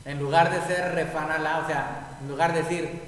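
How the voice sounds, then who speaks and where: A man preaching a sermon as pastor, explaining a prayer slowly and deliberately, word by word. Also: fairly high pitch, fairly even intonation, fairly bright tone. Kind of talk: sermon teaching on Hebrew prayer. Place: congregation hall. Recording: echoey hall, mic far off, faint noise.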